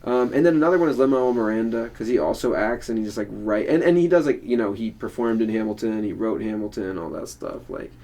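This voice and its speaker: A man's voice: lowish voice, fast, hardly any pauses, dark tone. Rambling young man, casual podcast chat. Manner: rambling, full of "like" fillers. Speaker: podcast co-host.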